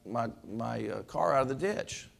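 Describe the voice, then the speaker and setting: A man voicing a cocky, impatient young driver in a spoken story, skeptical and quick. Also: mid-range voice, lively intonation, creaky.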